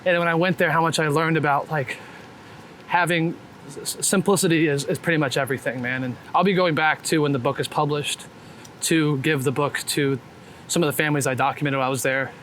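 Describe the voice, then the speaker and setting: Walking along a city street, a man interviewed as a street photographer talks casually and candidly, swearing and peppering his speech with "like" and "man." His voice is a little high with a fairly bright tone, and outdoor traffic and city noise come through clearly.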